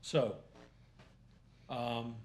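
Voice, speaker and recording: A man speaking as a magistrate at a formal hearing, questioning and ruling in deliberate, halting, formal phrases. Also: medium pitch, little pitch movement, a little mellow, a little hiss or hum. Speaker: magistrate presiding over a hearing.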